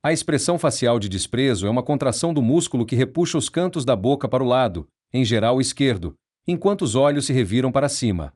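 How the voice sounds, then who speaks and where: A man reading a nonfiction book aloud in a measured, steady, explanatory way. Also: mid-range voice. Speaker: audiobook narrator.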